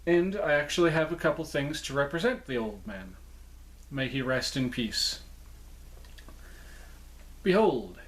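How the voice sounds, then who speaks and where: A man's voice: fairly high pitch, fairly bright tone. A man giving a casual, informal show-and-tell monologue as a presenter, chatty and often correcting himself as he goes. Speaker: presenter showing a puppet collection.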